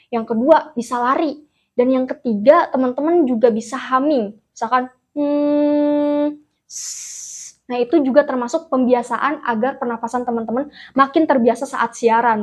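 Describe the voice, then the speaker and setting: A woman vocal coach giving a casual, friendly lesson on voice technique for broadcasters, with lively, demonstrative intonation. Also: high voice.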